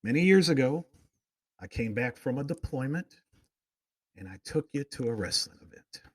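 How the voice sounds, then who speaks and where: A male talk show host chats casually and drifts from one excited story to the next. His voice sits at an ordinary pitch and gushes with fan enthusiasm. The sound is dry, with no room echo. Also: moderate pace, breathy edge. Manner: rambling storyteller, goes off on tangents. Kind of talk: casual chat.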